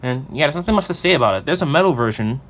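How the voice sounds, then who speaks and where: A man's voice: on the high side, expressive, very fast, a bit bright. Chatty young-sounding man unboxing toys. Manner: chatty and enthusiastic, loose with fillers. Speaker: toy unboxing YouTuber. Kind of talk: casual unboxing and review.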